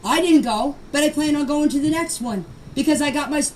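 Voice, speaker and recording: A middle-aged or older woman with a high, slightly mellow voice leaves casual, unscripted voice messages for an online group chat. She sounds defensive and insistent, halting as she stumbles over words and names and often repeats herself. The amateur recording is noisy.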